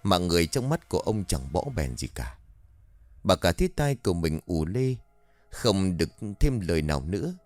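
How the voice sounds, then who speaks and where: Expressive male storyteller, low voice. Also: normal speed, no echo. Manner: expressive, animated reading. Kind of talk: dramatic story narration.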